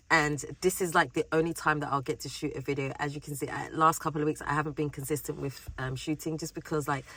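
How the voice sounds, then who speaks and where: A woman's voice: deep voice, rough recording. A woman from the UK with a British accent, chatting casually to camera from a parked car, a little under the weather with a cold. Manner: chatty, animated, acts out quoted voices. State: has a cold. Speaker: vlogger. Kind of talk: casual vlog talk to camera. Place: parked car in a parking lot.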